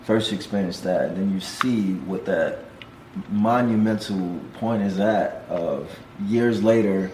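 A man with a lowish voice talks casually and at length. He rambles reflectively, with plenty of slang. The sound is echoey, with slight noise behind him. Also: a little slow. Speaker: stage show performer. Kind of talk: casual chat. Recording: roomy echo, light background noise.

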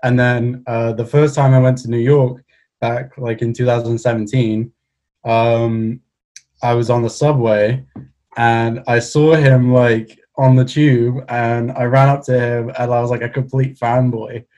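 A man's voice: mid-range voice, little pitch movement, measured pace, a little mellow, dull audio. A young man with a Cardiff Welsh accent, chatting casually as an interview guest in a hesitant, understated way. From Cardiff, Wales. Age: young adult. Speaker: podcast guest, cartoonist.

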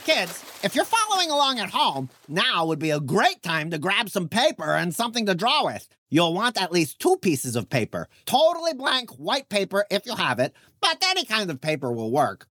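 A woman's voice: mid-range voice, wildly swooping pitch, moderate pace, few pauses, a bit bright, no room sound. A woman voicing an eager carnival-barker showman who co-hosts a children's story comedy, with showy, sing-song sales patter. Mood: cheerful instructing. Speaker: co-host of a kids' story show.

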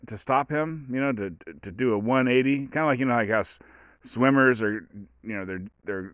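A man's voice: lowish voice, dry recording, studio quality. A man hosting a casual solo podcast, talking in a rambling, meandering way full of restarts and asides. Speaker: podcast host.

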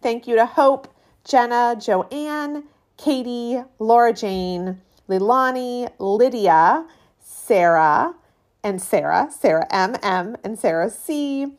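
A woman in her late thirties hosts a solo podcast in a casual, chatty, informal style, her voice on the high side and slow. She records in a cabin with a metal roof while it rains.

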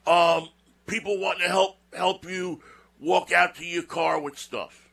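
A man's voice: high voice, fairly even intonation, unhurried, gravelly, fairly bright tone. A man hosting a show, telling a personal story in a casual, rambling monologue with folksy asides and repeated words. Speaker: show host.

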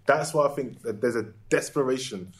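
A man's voice: mid-range voice, a little fast. A man on a football panel, casually explaining tactics. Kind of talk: casual tactical sports discussion. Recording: roomy, with loud crowd chatter.

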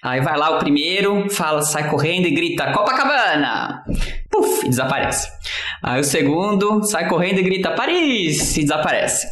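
A man's voice: a little high, fairly quick, a bit bright. A Brazilian man hosting a casual podcast chat, joking and telling stories with frequent laughs. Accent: Brazilian Portuguese. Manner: joking, storytelling, laughs often. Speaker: podcast host. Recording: roomy echo.

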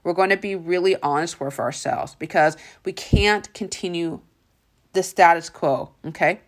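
Speaking at a normal speed in a voice on the low side, a woman hosts a motivational podcast, animatedly telling stories and using pet names like honey and darling for the listener.

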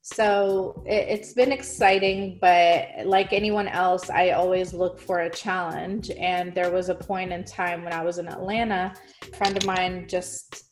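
A woman's voice: lowish voice, little pitch movement, measured pace. A woman talking casually as an interview guest, chatty and full of fillers. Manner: chatty, fillers like "like" and "you know". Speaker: music marketing guest.

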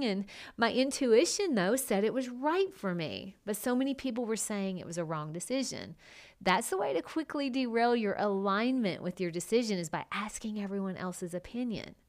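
A woman speaks as the host of a solo podcast. Her mid-range voice is conversational and casual. She addresses listeners directly and leans on key words to make her points. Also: mid-range voice. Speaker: podcast host and design consultant.

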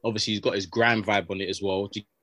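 A man's voice: on the low side, steady tone, racing, bright, forceful tone, dry recording, studio quality. A man with a London roadman accent chatting casually as a podcast guest, slangy and full of repeated tag questions. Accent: London roadman (urban slang).

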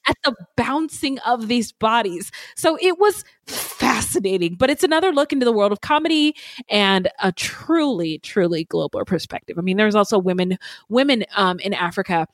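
A woman's voice: mid-range voice, animated, normal speed, no room sound. A woman co-hosting a casual podcast, chatting with lots of ums and restarts. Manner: chatty, many fillers and restarts. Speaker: podcast co-host.

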